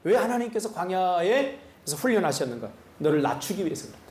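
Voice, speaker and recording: High-pitched, lively male pastor preaching. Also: brisk, echoey room. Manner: animated preaching with rhetorical questions. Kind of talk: sermon. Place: church sanctuary.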